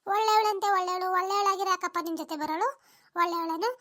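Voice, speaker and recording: A shrill scolding village mother-in-law. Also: steady tone, quick pace. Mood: wailing scolding. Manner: loud cursing rants, wailing complaints. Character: sharp-tongued village mother-in-law, older woman, scolding. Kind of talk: cartoon voice acting.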